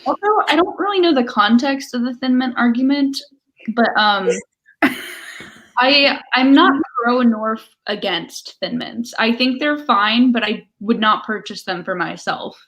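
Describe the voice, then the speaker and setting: An American woman with a fairly high voice weighs in calmly over a video call. She gives her views in a measured, easygoing way. It is casual chat among friends. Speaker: co-host of a reading stream. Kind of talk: casual chat on a live stream.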